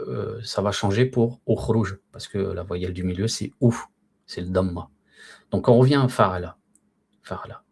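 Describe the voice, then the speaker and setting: A man gives a recorded Arabic lesson in a husky, somewhat low voice. He is patient, pronounces each form slowly and repeats it. He often stops to check that his listeners are keeping up. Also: a little mellow. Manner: patient, repeats words slowly and asks if students follow. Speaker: Arabic teacher.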